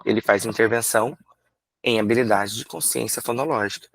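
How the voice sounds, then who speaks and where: A man from Brazil, a literacy teacher, explaining in a workshop lecture, asking himself rhetorical questions and sounding out syllables slowly. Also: fairly low pitch, vocal fry, fairly bright tone, no room sound.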